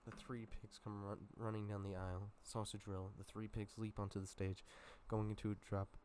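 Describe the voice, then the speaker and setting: A man with a sore throat reads a film script aloud in a casual run-through, tossing in short asides and tripping over words now and then. His voice is deep and stays very flat. A faint hiss runs under the recording. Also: normal speed. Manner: plain reading with asides and stumbles. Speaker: YouTuber reading a film script.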